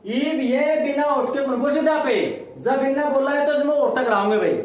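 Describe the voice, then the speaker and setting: A man's voice: very high-pitched, normal speed. Man teaching in an echoey room. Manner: repeating sounds, asking and answering his own questions. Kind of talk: classroom lecture. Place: classroom.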